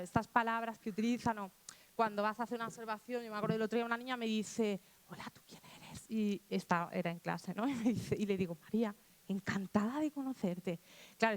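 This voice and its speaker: Speaking in a voice on the high side with a Spanish accent, a woman from Spain gives a conversational talk to teachers. She often acts out quotes from children and restarts her sentences.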